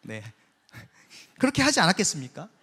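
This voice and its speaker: A man's voice: high voice, fairly quick, slightly rough. A man preaching a sermon in a church, telling the story vividly and acting out the quotes himself. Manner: lively storytelling preacher, acts out biblical quotes. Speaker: pastor. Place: church sanctuary. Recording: long hall reverb.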